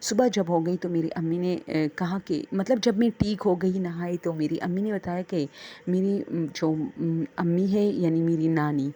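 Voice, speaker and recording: Soft-voiced woman telling ghost stories. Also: fairly low pitch. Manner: hesitant, many fillers and pauses. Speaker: storyteller. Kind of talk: casual spoken storytelling.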